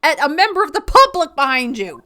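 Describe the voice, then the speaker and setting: Woman, gaming host, casual commentary, playful, excitable, bright, animated pitch. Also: brisk. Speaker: host of a video game playthrough. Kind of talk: casual gaming commentary with character read-alouds.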